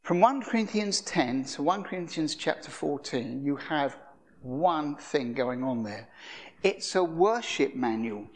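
A man's voice: a little high, lively intonation, measured pace. Older man preaching in a chatty storytelling way. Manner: storytelling, conversational with restarts. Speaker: guest preacher. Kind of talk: anecdotal sermon.

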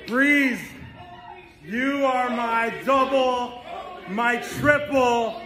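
A man's voice: extremely high pitch, steady tone, drawn-out words. A man cutting an arrogant wrestling promo, boasting and taunting a live audience at an indoor event. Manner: boastful, shouting, taunting the crowd. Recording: echoey venue, loud crowd noise.

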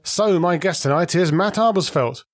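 A man's voice: sits high, normal speed, dry recording, clean studio sound, faint music behind. A man hosting a podcast, reading a playful scripted intro and then asking questions in a joking way. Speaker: podcast host.

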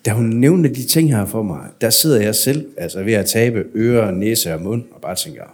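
Man, low husky voice, earnest personal testimony with halting fillers. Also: a little mellow. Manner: earnest storytelling with hesitant fillers. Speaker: interview guest telling his life story.

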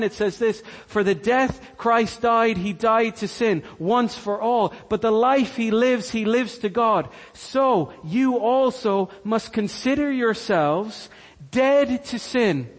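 In a voice that sits high, this Cork-born pastor delivers an earnest sermon with a local Irish accent, repeating important lines to drive them home. The audio has a big-room sound.

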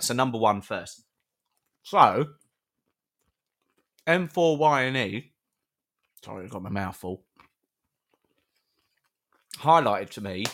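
A man's voice: mid-range voice, fairly bright tone. Rambling British man hosting live. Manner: rambling, playful, restarts often. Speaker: podcast co-host. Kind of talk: casual live chat with listeners.

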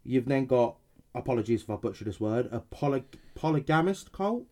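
Reading definitions off his notes, a man co-hosting a podcast trips up and restarts occasionally, his voice a bit nasal as he gets over an illness. The delivery is animated and fairly quick, mid-range with a darkish tone.

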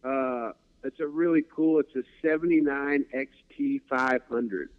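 A man's voice: medium pitch, measured pace. A laid-back man chatting casually, who swears easily and keeps saying dude and man. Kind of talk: casual chat. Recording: dull lo-fi audio.

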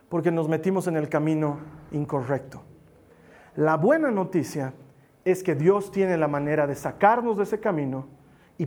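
A male pastor delivers a sermon in an emphatic, animated voice that sits high for a man. He turns playful at times and drops to a quiet plea when he presses a point. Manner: animated, emphatic, often playful with acted asides; drops to soft pleading at key points.

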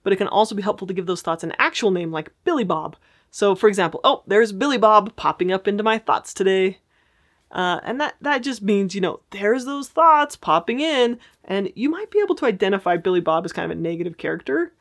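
Woman therapist, mid-pitched, friendly explanatory teaching manner. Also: lively intonation, fast talker. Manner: friendly, explanatory, checks in with listeners. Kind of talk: casual teaching talk.

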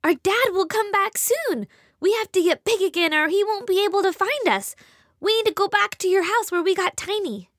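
Woman voicing a young girl, childlike, earnest, bouncy high voice. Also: animated, moderate pace, fairly bright tone, no echo, studio quality. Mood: urgent. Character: eager young girl on a tiny adventure. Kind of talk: children's audio story acting.

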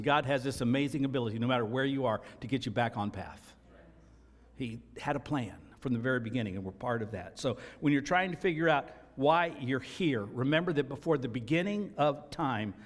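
Earnest preaching man in a reverberant hall. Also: mid-range voice. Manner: earnest, emphatic, repeats key phrases. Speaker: pastor. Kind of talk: sermon. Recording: long reverb of a large hall.

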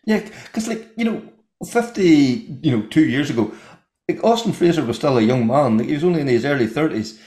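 A man's voice: a little high, lively intonation, a little fast, a little mellow. A man with an Irish accent hosting a conversational podcast, making his points emphatically through repetition. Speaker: podcast host. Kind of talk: conversational commentary. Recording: echoey, roomy sound.

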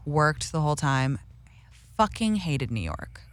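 A woman's voice: low-pitched, sing-song, unhurried, no room sound. A young woman with an American Valley girl accent and manner talks in casual interview chat. She is candid and self-mocking and swears freely. The sound is close and dry. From England. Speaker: interview guest.

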